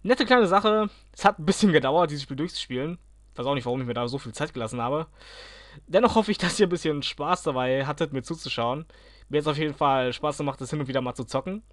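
A man's voice: on the high side, expressive, fast, fairly bright tone, no room sound, studio quality. A man giving casual let's play commentary, grumbling at and cheering on the game, talking to enemies.

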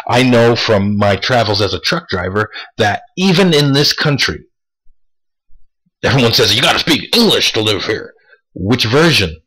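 A man talking straight to camera in a casual monologue. He speaks deliberately, repeats words for emphasis and asks rhetorical questions. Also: medium pitch, pushed and bright, slightly rough, poor audio. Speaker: vlogger.

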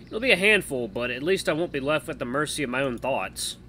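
A man narrating a visual novel as a let's play host, his pitch swinging in a lively, bouncing way. His tone is bright and sharp, with a faint hiss of noise sitting under the recording. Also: brisk. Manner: animated, playful voice acting. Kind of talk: reading a visual novel aloud.

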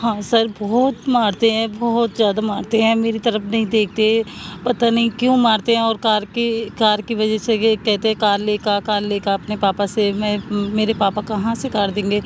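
Flat-voiced pleading woman. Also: fairly high pitch, moderate pace, slight background noise. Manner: pleading, repetitive. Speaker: woman in a staged prank.

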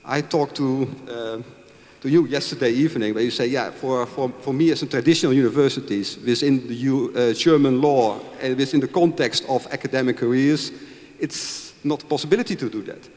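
A man in his fifties argues emphatically on a panel, firing rhetorical questions into a handheld microphone in a large conference room with an audience. His mid-range voice is brisk with a darkish tone, and the hall sounds echoey.

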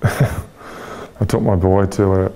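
In a deep, mellow voice with flat delivery, a man in his forties from Ireland answers interview questions candidly and thoughtfully in an Irish accent. Frequent pauses, fillers, and restarts mark his speech.

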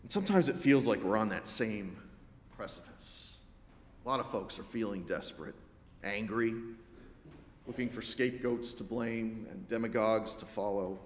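Wry male preacher in echoing church. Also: fairly low pitch. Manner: measured, wry preaching with dry asides. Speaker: pastor. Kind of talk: sermon. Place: church sanctuary. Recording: roomy church with long reverb.

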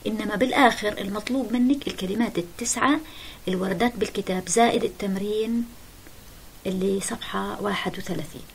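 Fast-talking woman teacher, slips english terms in, faint hiss on the recording. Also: medium pitch, gravelly, poor audio. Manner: brisk, explanatory, mixes English terms into Arabic. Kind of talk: exam-prep lesson.

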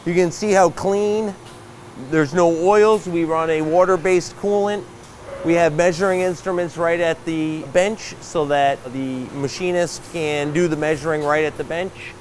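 A man in his fifties shows off his machine shop, his fairly high voice explaining parts and machines in a plain, unhurried way with plenty of fillers. A faint hum of air conditioning and machinery sits behind him on the bright shop floor. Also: steady tone. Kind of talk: guided shop tour.

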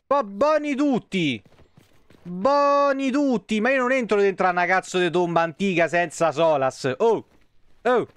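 A close streaming mic captures an Italian man in his thirties with a smooth, high-sitting voice, the recording dry. He's live-streaming a video game indoors at home, swearing freely in casual commentary and chatting to viewers.

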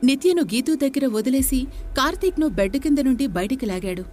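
A woman narrating a horror story in a measured, suspenseful way. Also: on the high side, slight background noise.

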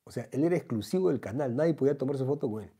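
Gravelly Peruvian man telling a comic story. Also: mid-range voice, rapid-fire. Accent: Peruvian Spanish. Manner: slangy, animated, acts out the voices. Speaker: comedian.

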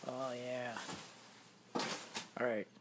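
A man's voice: medium pitch, flat delivery, extremely slow. A young man chatting casually as he films a home vlog on a handheld phone. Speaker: vlogger filming a challenge. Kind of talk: casual chat. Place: indoors at home, kitchen and carpeted room. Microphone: handheld phone camera, held by speaker. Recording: home video with background noise.

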